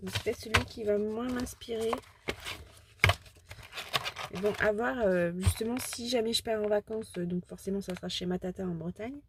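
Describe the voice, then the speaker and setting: A woman's voice: mid-range voice, normal speed, heavy background noise. Chatty, giggly woman vlogger. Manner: rambling, chatty, with frequent restarts and giggles; excitable and self-deprecating. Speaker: craft vlogger showing a shopping haul. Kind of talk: casual chat.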